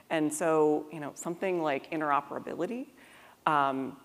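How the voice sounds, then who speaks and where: A woman on a conference panel giving a measured, explanatory answer. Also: deep voice. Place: conference stage in a large hall. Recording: long reverb of a large conference hall.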